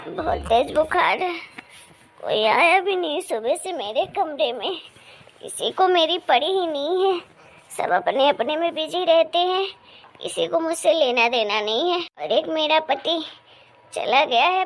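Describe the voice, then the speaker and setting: A woman's voice: high voice, lively intonation, a little slow. A woman voicing a harsh middle-aged mother-in-law in a cartoon story, sick with fever and scolding bitterly. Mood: self-pitying. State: feverish and in pain.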